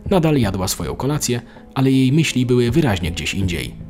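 A man narrating an animated story in a steady, measured manner. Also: mid-range voice. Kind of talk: scripted narration.

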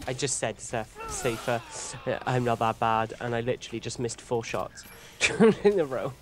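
A man's voice: medium pitch, expressive, moderate pace. A man with a nasal, blocked-nose sound, giving casual co-op gameplay commentary and laughing at himself often. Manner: laughs often, self-mocking. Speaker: co-op gamer.

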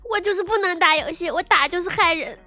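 High, bright young woman streamer. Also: quick pace, soft background music. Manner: laughing and tearful, self-pitying. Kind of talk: casual voice-call chat.

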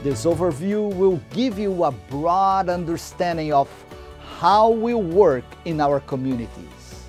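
A man giving a slow, measured scripted narration. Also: a little high, animated, darkish tone, soft background music.

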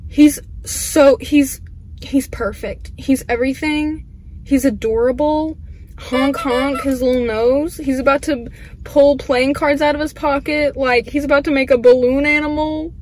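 A woman's voice: high-pitched, fairly even intonation, measured pace, darkish tone, slight background noise. A young woman vlogging casually, chatty and gushing, with many fillers. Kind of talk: casual unboxing vlog.

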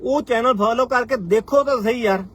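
A man's voice: very high-pitched, moderate pace, a bit bright. A man in his forties with a Punjabi accent, giving a fiery live-stream address as a farmers' union leader and driving his points home with repeated rhetorical lines. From Punjab, India. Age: 40s.

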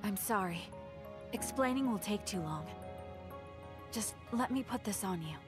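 Woman acting dutiful young anime heroine, medium pitch, earnest, restrained, music behind. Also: lively intonation, unhurried, close to an everyday voice. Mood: earnest, serious. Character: serious, dutiful young female fighter. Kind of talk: anime video game dub acting.

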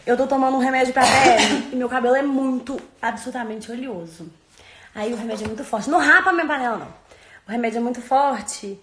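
A woman chatting casually with a friend, blunt, joking and quick to swear. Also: on the high side, fairly bright tone. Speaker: friend of the vlogger. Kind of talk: casual chat. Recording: echoey room, faint noise.

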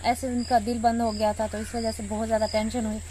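A woman's voice: fairly high pitch, flat delivery, fast. A woman vlogging in a casual chat to her viewers, earnest and prayerful, sweating in the heat. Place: outdoors in a village. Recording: loud outdoor noise behind.

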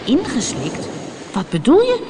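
A woman voicing Devo, a curious young sea creature who sounds high and surprised. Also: very animated, moderate pace, in a large hall, background noise.

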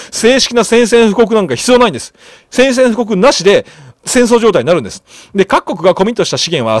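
A man with a high, lively voice rattles through news commentary at a quick clip. He repeats key phrases, trails off into fillers and sounds eager to share. The recording is dry and close, with no room sound. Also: no echo. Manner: excitable, repeats phrases, thinks aloud with fillers. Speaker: commentary channel host. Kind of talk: casual online commentary reading news.

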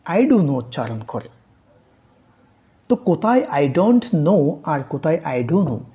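A teacher from Bangladesh giving a recorded exam-prep lecture, reading English definitions slowly and then explaining them step by step, repeating example words to contrast how they are pronounced. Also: medium pitch, mellow.

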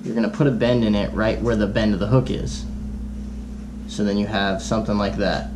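A fishing vlogger in his twenties casually demonstrates fishing knots at a table in a small bedroom, chatting easily with lots of "you know" and "like." His voice is lowish and flat, a little fast, picked up by a camera close in front of him with background noise.

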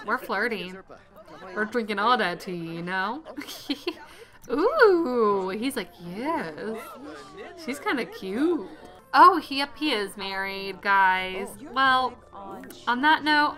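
A young woman hosting a casual gaming video, chatting excitably and urging her game character on. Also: on the high side. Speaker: gaming channel host. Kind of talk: casual let's-play commentary.

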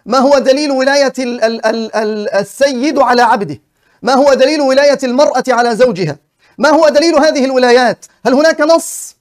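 A man with a strikingly high voice presses his point in a heated religious debate. He talks quickly in formal phrasing and keeps demanding an answer over and over.

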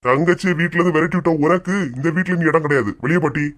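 Man voicing a gruff scolding cartoon husband, Kanyakumari accent, fairly high voice. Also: very fast, a bit bright, close to an everyday voice. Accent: Kanyakumari Tamil.

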